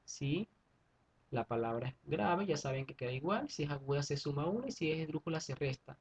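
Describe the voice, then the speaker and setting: A man's voice: fairly high pitch, expressive, brisk, breathy edge. A man teaching a secondary school class, going through steps methodically and often checking in with his students. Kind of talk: online class explanation.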